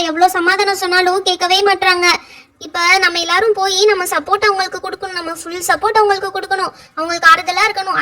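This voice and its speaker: A sweet, earnest little girl in a doll play coaxes and pleads, as a woman voices her. The pitch is very high and the tone bright and sharp. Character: kind-hearted little girl, a loyal friend. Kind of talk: doll pretend-play voice acting.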